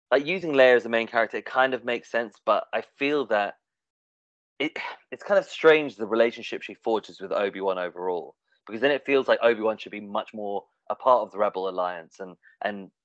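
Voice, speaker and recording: A man's voice: mid-range voice, no echo. Hesitant man, dull dry recording. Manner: hesitant, many fillers and restarts. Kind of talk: casual discussion.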